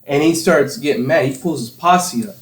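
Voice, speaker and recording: A man's voice: fairly high pitch, moderate pace, echoey room, low-quality recording. A young man from Tennessee, hosting a casual chat with friends, rambling through stories and laughing often. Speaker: podcast host.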